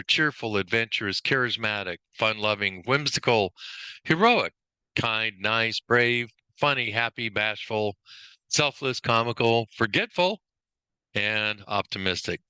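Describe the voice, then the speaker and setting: Rattling through lists of traits in an informal lesson, a male workplace trainer occasionally stops to briefly correct himself. He speaks with a mid-range, bright, forceful, clean-toned voice in a dry recording.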